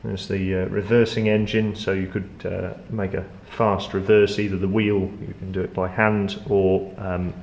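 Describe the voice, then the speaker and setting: A man's voice: low voice, flat delivery, moderate pace, creaky, hardly any pauses, a little mellow, dull audio. A man acting as tour guide, explaining machinery in an informal, unscripted way inside a ship's engine room. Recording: echoey metal room, background hum.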